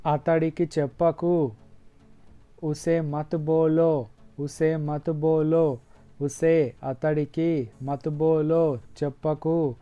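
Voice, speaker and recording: Slow, deliberate male Hindi teacher. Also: fairly high pitch, level tone, clear, resonant tone, dull audio, faint music behind. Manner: repeats each phrase slowly and deliberately. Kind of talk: slow language lesson, repeating phrases.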